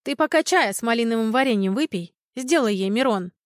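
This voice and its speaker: Sly old village granny, nosy and bossy, in an audiobook, as read by a woman, higher and dry. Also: lively intonation, fairly quick, dry recording, lightly acted. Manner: bossy, meddling, scolding.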